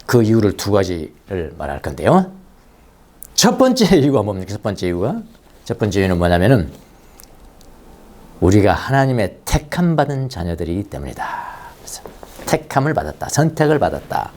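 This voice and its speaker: Lively storytelling Korean pastor, a man. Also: on the low side, moderate pace. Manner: lively storytelling preacher, repeats key phrases, chuckles. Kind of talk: sermon. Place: church sanctuary.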